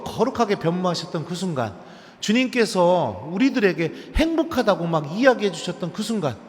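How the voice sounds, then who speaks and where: Man, priest, humorous storytelling lecture, slightly high voice, long cathedral reverb. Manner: lively humorous storytelling with quiz questions to the audience. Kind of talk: lecture to a live audience. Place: large cathedral.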